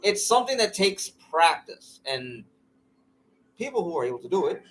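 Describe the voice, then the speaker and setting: High-voiced rambling podcast man. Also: very animated, normal speed, fairly bright tone, low-quality recording. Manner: rambling, earnest, wraps up topics. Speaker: podcast co-host. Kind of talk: casual chat.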